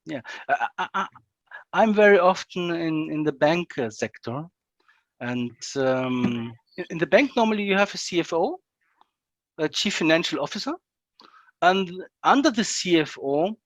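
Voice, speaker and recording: A man's voice: fairly high pitch, animated, unhurried, no echo, muffled recording. A man speaking as a guest in an interview, often repeating words and ending phrases with "yeah". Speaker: guest, project management executive. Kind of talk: casual video-call interview.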